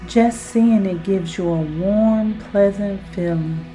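Soft mellow lady doing slow hypnosis relaxation, sleep story narrator vibe, deliberate and soothing. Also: medium pitch, faint music behind, poor audio. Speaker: podcast host and relaxation guide.

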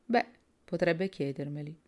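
A woman's voice: deep voice, a little slow, mellow. A woman voicing a cool, businesslike young woman.

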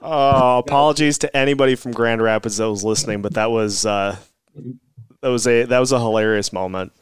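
Male podcast host; smooth clear voice, dry close mic, easygoing interviewer. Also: mid-range voice, fairly even intonation, a little fast, no echo.

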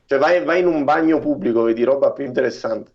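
A man's voice: mid-range voice, a little fast, a little mellow. Guy on a podcast call, muffled lo-fi audio, wry n exaggerating, casual. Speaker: podcast panelist. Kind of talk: casual chat. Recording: dull lo-fi voice call.

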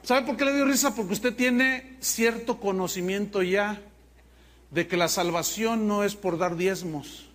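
A male pastor delivering a sermon in a church, his voice pitched notably high for a man. He preaches in a conversational, lively way, asking the congregation questions and acting out the people he quotes. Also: unhurried. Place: church sanctuary.

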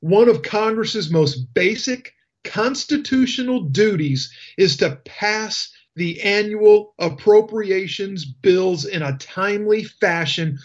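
Male talk radio host, indignant political rant, sarcastic, unhurried, dull lo-fi radio sound. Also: high-pitched. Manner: indignant, emphatic ranting with sarcasm.

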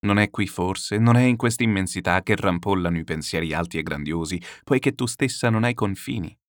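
A man reading a literary text aloud, declamatory and lyrical, with slow solemn pauses. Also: low voice, no room sound, studio quality. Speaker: reader.

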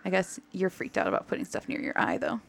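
A woman in her thirties hosting a podcast in casual chat, candid and relaxed, swearing now and then and laughing easily. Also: on the low side, fast, gravelly. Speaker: podcast host.

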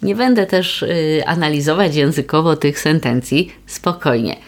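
A woman hosting a podcast, calmly explaining facts in a scripted, measured way. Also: low voice. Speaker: podcast host and proofreader.

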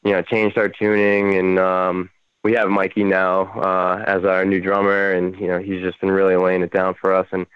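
Band guest, man, smooth low voice, casual and rambling, slightly dull audio. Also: monotone, normal speed, no room sound. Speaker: band member, interview guest. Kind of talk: casual interview chat.

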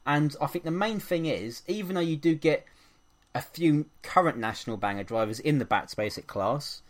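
A man's voice: on the high side, expressive, moderate pace. A man from England hosting a casual podcast, chatty and upbeat, with frequent ums and fillers. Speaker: podcast host.

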